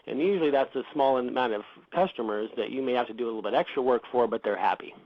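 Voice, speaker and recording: A man's voice: mid-range voice, fast. A man answering interview questions about his business, speaking hesitantly with many fillers and restarts. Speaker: reputation management company founder. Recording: dull lo-fi audio.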